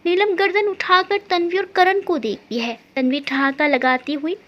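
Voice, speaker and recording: A woman reading a family story aloud as its narrator, expressive and scripted. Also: very high-pitched, normal speed. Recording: dull lo-fi recording.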